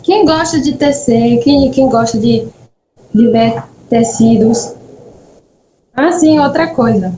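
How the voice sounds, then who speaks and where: With an accent blending Spanish and Brazilian Portuguese, this woman, a guest speaker and nurse from Bahia, Brazil and Peru, chats warmly through stories on a video call, often checking in with her listeners. She speaks slowly with long pauses in a fairly high, dark-toned voice, and the echoey room adds faint background noise.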